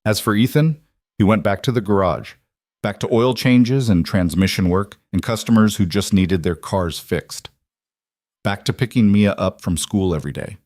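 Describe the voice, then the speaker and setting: A man narrating a scripted story in a measured, even manner. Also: on the low side, dry recording, clean studio sound.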